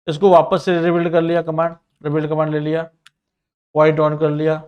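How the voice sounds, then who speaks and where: A man with a slightly high voice walks students through a ring design in CAD software, narrating each click and command as he goes. He explains plainly and directly to his learners, with a Mumbai Hindi accent. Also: completely flat delivery, smooth, lo-fi sound. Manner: says he sometimes talks fast. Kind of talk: screen-recorded software tutorial.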